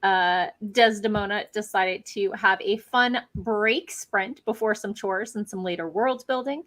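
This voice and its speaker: A middle-aged woman hosts a relaxed livestream, chatting and cheering on the comments her viewers post. Her voice is medium in pitch, fairly bright, and unhurried.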